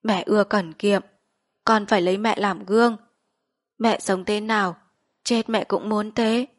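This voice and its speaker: A woman voicing a dying elderly mother who gives calm, firm instructions about a frugal funeral. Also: medium pitch, unhurried, dry recording, studio quality, natural voice.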